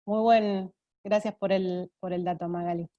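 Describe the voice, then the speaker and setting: A woman's voice: mid-range voice, steady tone, a little slow, warm tone, dull audio. A woman who moderates an online meeting and hands turns to speakers in short, friendly remarks.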